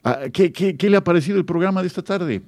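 On a live faith radio call-in show, a Mexican-accented man hosts with a warm, friendly pastoral manner and plenty of fillers. His voice is high and lively, his pace quick, and there is no echo.

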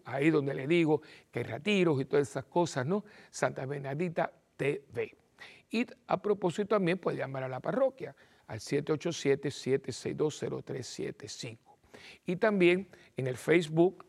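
Gravelly priest. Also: male voice, a little high. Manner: animated, acts out little dialogues and repeats phrases for emphasis. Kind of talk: televised sermon talk.

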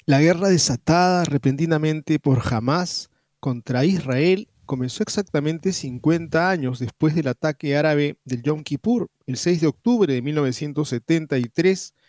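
A man reading a news analysis aloud in a steady, formal way. His voice sits fairly high for a man. The recording is dry and close. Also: normal speed, no room sound. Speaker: article reader.

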